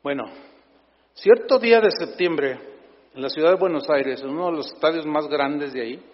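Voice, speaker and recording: High-voiced Mexican pastor preaching. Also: male voice, normal speed. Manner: emphatic, humorous preaching that keeps addressing the congregation. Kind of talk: sermon. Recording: echoey dull hall sound.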